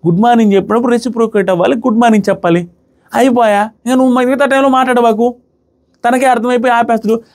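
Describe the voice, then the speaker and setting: Man, sarcastic show review, quick talker, high-pitched. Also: steady tone, darkish tone. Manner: sarcastic, acts out what people said. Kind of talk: casual commentary review.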